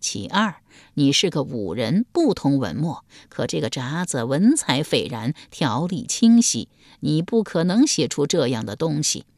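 A woman's voice: sits low, very animated, measured pace, a little mellow, no room sound, clean studio sound, full character voice. A woman voicing a shrewd, stern elderly grand empress dowager who speaks coldly and commandingly in a storybook reading. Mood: measured. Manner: cold, imperious, scolding.

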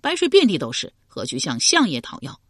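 A cheeky, uneducated male house servant in a historical audiobook, brash and bossy, as a woman narrator puts him on. The voice drops low and a little quieter, rattling off lines quickly with a slightly husky edge. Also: wildly swooping pitch, no echo, clean studio sound, exaggerated voice. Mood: scornful.

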